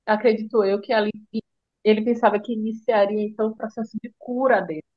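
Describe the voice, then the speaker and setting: A middle-aged woman with a Brazilian Portuguese accent, telling her son's illness story in a tender, halting way with many restarts. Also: mid-range voice, steady tone, lo-fi sound. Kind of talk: emotional personal storytelling.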